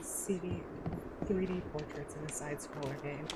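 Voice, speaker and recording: A woman with an English accent streams a video game, giving casual live commentary that rambles, reacts and exclaims at the action. Her voice is deep with a steady tone at a moderate pace, and the very noisy audio carries game sound in the background.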